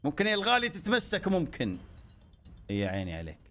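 A man giving excitable commentary over his own gameplay, cheering himself on and joking with his viewers. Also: a little high, fast talker, faint music behind. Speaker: gaming YouTuber.

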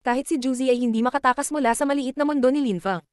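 A woman narrating a martial-arts web novel chapter aloud, reading rapidly and evenly. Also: high-pitched, darkish tone, clean tone, no echo, studio quality. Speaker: audiobook narrator.

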